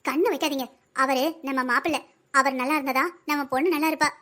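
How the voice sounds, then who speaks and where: A woman's voice: sits high, steady tone, fast talker, sharp tone. A woman voicing a fussy older wife and grandmother in a family cartoon, pleading and ordering her husband around in a South Tamil Nadu accent. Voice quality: pleading, busy, bossy. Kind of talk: cartoon family comedy acting.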